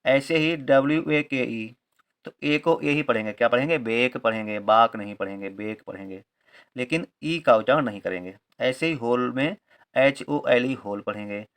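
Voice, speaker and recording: A man's voice: mid-range voice, normal speed. A man teaching English reading rules, patiently spelling words letter by letter and repeating each point with a confirming aside. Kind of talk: Hindi-medium English reading lesson.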